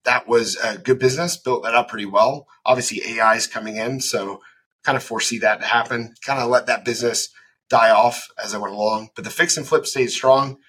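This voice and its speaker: A man's voice: mid-range voice, fairly even intonation, fairly quick, a bit bright, husky, rough recording. A man in his thirties, a business founder, telling his career story as a podcast guest in a laid-back, matter-of-fact way. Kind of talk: casual interview answers.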